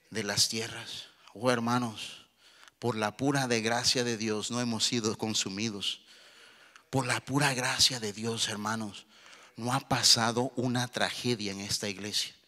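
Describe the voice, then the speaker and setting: A man's voice: mid-range voice, bright, forceful tone. A man preaching a sermon as pastor, with a fervent manner, repeatedly calling out to the congregation and asking them to agree. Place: church sanctuary. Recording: long church hall reverb.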